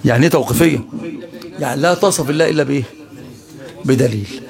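Fast, gravelly Egyptian sheikh teaching. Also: male voice, medium pitch, a crowd in the background. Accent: Egyptian Arabic. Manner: quizzes listeners with rhetorical questions. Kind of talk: religious study lesson. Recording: live class with audience noise.

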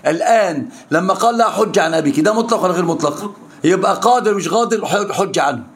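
Speaking quickly with lively intonation and a voice that sits high, a man with an Egyptian Arabic accent teaches students an interactive religious lesson. As an Islamic scholar, he presses them again and again with questions.

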